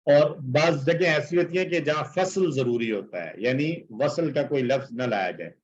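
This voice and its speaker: Man, teacher, explanatory lecture, mid-pitched voice, many fillers, dull lo-fi online class audio. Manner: frequent filler phrases while explaining; recites Arabic verses, then translates them.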